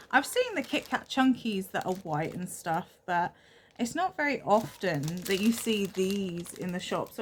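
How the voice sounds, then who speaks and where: A woman's voice: medium pitch, fairly bright tone, slight background noise. Chatty young woman rambling through a shopping haul. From England. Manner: chatty, rambling, self-deprecating, giggly. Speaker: vlogger. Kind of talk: casual haul vlog.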